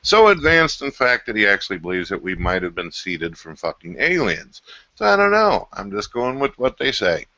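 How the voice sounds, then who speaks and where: A low-voiced American man with a Missouri twang argues in a sharp, forceful tone. He is colloquial and swears as he debates. The sound is a muffled, lo-fi call. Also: big pitch swings, moderate pace, no room sound. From Missouri, USA. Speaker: caller. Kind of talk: casual heated debate.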